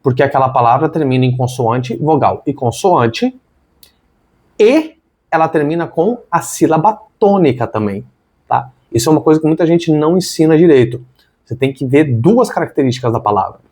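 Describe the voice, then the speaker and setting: A man's voice: a little high, animated, normal speed, a little mellow, breathy edge. A man, an English teacher explaining spelling rules step by step and spelling words out letter by letter. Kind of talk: online language lesson.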